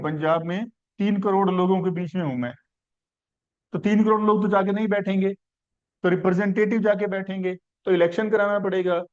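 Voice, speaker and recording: A man's voice: high voice, a little mellow, highs cut off. A man teaching a civics class, asking questions and building the answer step by step through simple examples. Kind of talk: classroom lecture.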